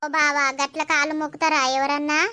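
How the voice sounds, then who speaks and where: Bright, high scolding village woman in a cartoon, voiced. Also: monotone, fast talker, no echo. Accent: Telangana Telugu. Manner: scolding, fussing, talkative. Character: bossy, caring village woman. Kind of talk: cartoon voice acting.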